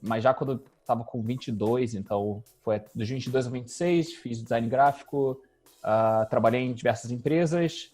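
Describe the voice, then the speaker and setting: Relaxed man in his thirties. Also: mid-range voice, normal speed, faint music behind. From Rio de Janeiro, Brazil. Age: 30s. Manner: relaxed, thinking aloud with fillers. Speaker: guest, UX designer. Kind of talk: casual interview talk.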